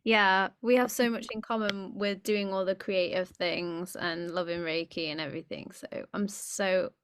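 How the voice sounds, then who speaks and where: A woman's voice: mid-range voice, steady tone, normal speed, fairly bright tone, clear, resonant tone, dry recording. Effusive woman hosting a video call. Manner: encouraging and effusive. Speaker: host.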